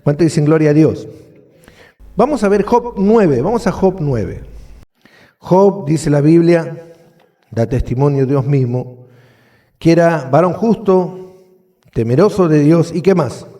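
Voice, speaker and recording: A man's voice: on the high side, slow, long pauses, dark tone. A man with an Argentine accent preaching a sermon as pastor, asking the congregation questions as he goes. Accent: Argentine Spanish. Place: church hall.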